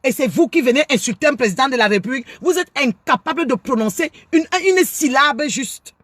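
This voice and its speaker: A woman's voice: high-pitched, lively intonation, fast, no room sound. A woman from Cameroon, giving an angry, lecturing monologue as a life coach and hammering her points home again and again. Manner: scolding, lecturing, combative, repeats her points.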